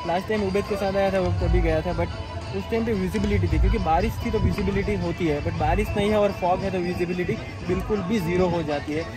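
A man's voice: high voice, steady tone, quick pace, over loud music. A young man chatting casually to viewers as he vlogs a trip on a foggy rainy hilltop. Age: young adult. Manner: chatty, addresses viewers as guys. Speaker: travel vlogger. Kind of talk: casual travel vlog. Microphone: handheld phone at arm's length. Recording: outdoor phone recording with clear background noise.

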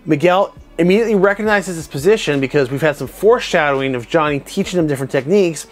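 A man in his thirties, a martial arts instructor, talking to camera from a home studio on a lapel mic, giving animated, nitpicky commentary on a fight scene. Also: a little high, fast talker, soft background music. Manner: animated, conversational, self-described nitpicker. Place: home studio room with desk lamp and monitors. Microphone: clip-on lapel mic.

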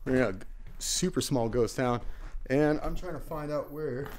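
A man's voice: medium pitch, normal speed, darkish tone. A man in his thirties chatting casually to a handheld camera, slangy and full of wonder, as he explores. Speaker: vlogger exploring abandoned buildings. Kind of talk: casual exploration vlog chat. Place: outdoors and inside derelict empty buildings. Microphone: camera held at arm's length. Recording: clear background noise, handheld camera.

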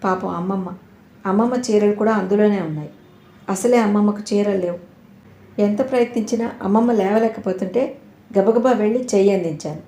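Mellow woman narrating a story. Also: medium pitch, a little fast. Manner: soft, reflective. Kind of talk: scripted audio-story narration. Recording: roomy echo.

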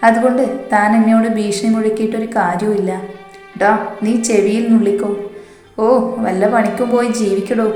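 Lady doing a swaggering young husband, teasing, flat tone, echoey. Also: mid-range voice, lightly acted. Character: cocky young husband, tender yet hot-tempered. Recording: roomy echo, faint music.

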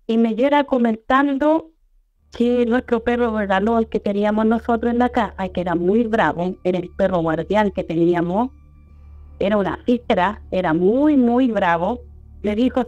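A woman with a Chilean accent recounting a personal experience in a rambling, halting way, often repeating and restarting her words. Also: on the high side. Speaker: storyteller guest. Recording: muffled lo-fi audio with faint music.

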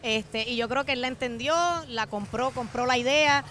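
A woman in her thirties with a Puerto Rican accent, a youth basketball coach answering interview questions at a handheld mic courtside, measured, with "este" fillers. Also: a little high, steady tone, a bit bright, slight background noise. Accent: Puerto Rican Spanish. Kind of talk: televised interview. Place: courtside in an indoor basketball arena. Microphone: handheld microphone.

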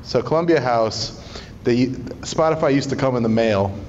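A man's voice: mid-range voice, moderate pace. A middle-aged man doing stand-up crowd work, bantering with the audience in a casual, conversational, profane way. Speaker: stand-up comedian. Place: small live comedy show in a climbing gym. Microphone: handheld stage microphone, recorded from the audience. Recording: muffled live room sound, long reverb, audience noise. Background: audience laughter.

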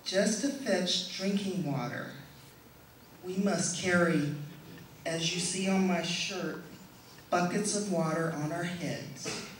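A middle-aged woman with a lowish voice delivers a prepared testimonial presentation to an audience from an indoor stage in a hall, speaking in a measured, deliberate way. Her stand microphone is picked up by a distant camera, so the sound is echoey with faint noise.

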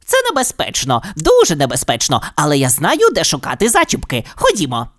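A woman plays a clever but nervous beaver in an audio storybook. She talks in a jittery, hushed way. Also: low-pitched, wildly swooping pitch, a little fast, full character voice. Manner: nervous, chuckling. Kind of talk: storybook reading.

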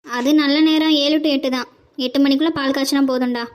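Woman voicing a motherly older sister, high voice, practical, gently scolding, cartoon. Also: steady tone, quick pace, lightly acted. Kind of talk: cartoon voice acting.

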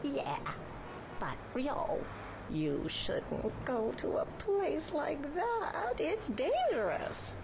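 An actress playing a worried, cautioning elderly woman in a video game, with a creaky voice. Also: high voice, huge pitch swings, drawn-out words, muffled recording, heavily acted. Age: older. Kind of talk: video game English dub. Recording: noisy game audio with ambience.

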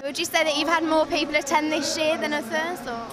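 A woman reporting at a racing event, interviewing people with a handheld mic in a big hall, friendly and bright. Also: high-pitched, flat delivery, fairly quick, crowd noise. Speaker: roving reporter. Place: large indoor event hall. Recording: background music.

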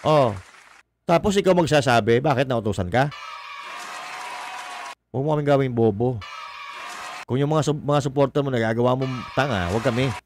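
A man's voice: mid-range voice, normal speed, pauses often, crowd noise, background noise. A man doing casual political commentary on a livestream, mocking and combative, swearing and reading viewer comments aloud. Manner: mocking, combative, swears, laughs at own jokes.

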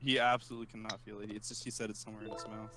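A man's voice: lowish voice, flat delivery, rapid-fire, sharp tone, soft background music. A young man chatting casually over a game with teasing, sweary banter. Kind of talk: casual chat while gaming.

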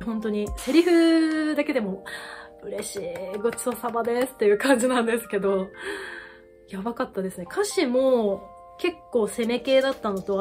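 Her voice on the high side, a woman hosts a reaction video, exclaiming excitedly before chatting casually about her thoughts.

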